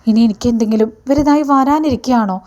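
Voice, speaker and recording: A woman's voice: a little high, fast, dark tone, natural voice. A woman voicing a worried young woman who pleads earnestly, in a retelling of a TV serial.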